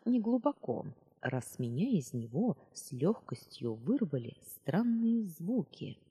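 A woman reads a first-person audiobook with ironic, expressive storytelling. Her low voice is dark and husky, rising and falling a lot. A long reverb trails behind her. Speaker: audiobook narrator.

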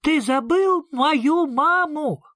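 A man voicing Sniff, a small anxious male creature from a storybook, in shrill indignant outbursts. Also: lively intonation, measured pace, fairly bright tone, no echo, clean studio sound, full character voice.

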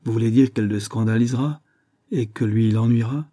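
A man reading an audiobook, voicing a chatty, gossipy wealthy society hostess with a confiding, emphatic manner and a husky voice. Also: mid-range voice, fairly quick, warm tone, close to an everyday voice.

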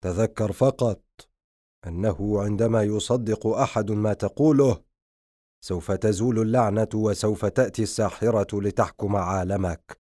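A man voicing a wise, commanding lion in an audiobook story, speaking in solemn, measured tones. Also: on the low side, warm tone, no echo, clean studio sound, natural voice. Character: wise commanding lion, guardian of dream land.

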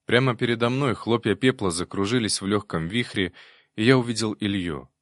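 A man narrating a fantasy novel in the first person, reading in an even, steady way. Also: lowish voice, fairly quick, dry recording, studio quality. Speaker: audiobook narrator.

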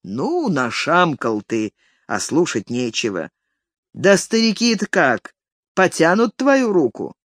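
A reader voicing a stern, impatient male estate manager who scolds curtly in a lowered voice. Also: big pitch swings, takes it slowly, no echo, studio quality. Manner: curt, severe scolding. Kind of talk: audiobook character reading.

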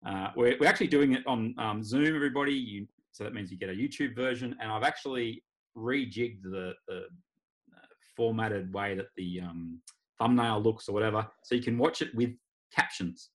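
A man's voice: on the low side, normal speed. An Australian man hosting a casual sports podcast, talking in a wry, rambling way. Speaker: podcast host. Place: remote video call.

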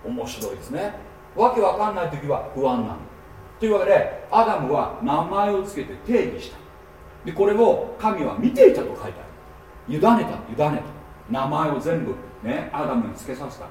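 Animated man preaching in an echoey hall. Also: high voice, moderate pace, a little hiss or hum. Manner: animated teaching with frequent rhetorical checks. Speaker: pastor. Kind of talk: seminar sermon. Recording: echoey hall, mic at a distance.

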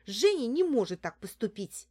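Brief: demanding excitable young woman read by the narrator, high, exclaiming, audiobook. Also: normal speed, slightly rough. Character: young woman client, demanding and easily startled.

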